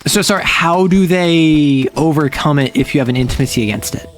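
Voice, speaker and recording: A male streamer in casual chat, joking and firing off quick, repeated interjections. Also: a little high, soft background music.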